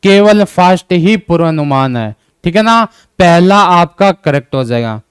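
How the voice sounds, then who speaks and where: A man's voice: high voice, expressive, a little slow, smooth, dry recording, clean studio sound. A man teaching an exam-prep lesson with an Indian accent, asking and answering his own questions and repeating each point in English.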